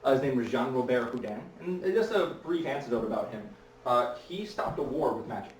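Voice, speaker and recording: A man's voice: medium pitch, expressive, fairly quick, a little hiss or hum. A man performing as a stage magician at a fair, telling stories in a chatty way with many fillers and restarts. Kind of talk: live storytelling performance. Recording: echoey, distant mic, faint ambience.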